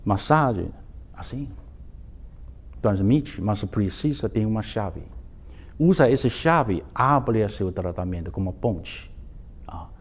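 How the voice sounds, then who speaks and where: Male Taoist teacher, casual lesson delivery, halting non-native phrasing, lively storyteller. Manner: simplified non-native grammar with frequent restarts; storytelling with bursts of raised pitch. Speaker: Taoist master teaching a course. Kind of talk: informal spoken lesson.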